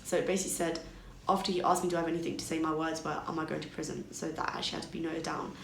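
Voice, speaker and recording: A woman's voice: deep voice, little pitch movement, very fast, gravelly, a little hiss or hum. Chatty young British woman, echoey room. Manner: chatty, filler-heavy, acts out quoted dialogue. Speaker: vlogger. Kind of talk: casual storytime.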